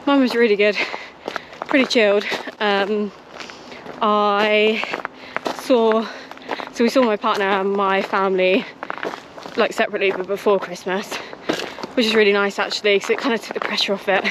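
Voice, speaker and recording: A woman's voice: mid-range voice, fairly even intonation, moderate pace, long pauses. A young British woman chatting casually to camera while out on a run outdoors. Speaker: running vlogger. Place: outdoors on a frosty countryside trail. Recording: noisy outdoor audio with clicks.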